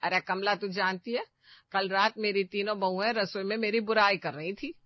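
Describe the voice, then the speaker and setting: A woman voicing a bossy, scheming middle-aged mother-in-law who talks loudly and commands. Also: mid-range voice, fairly even intonation, normal speed, dry recording, muffled recording, close to an everyday voice. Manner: loud, commanding, scolding.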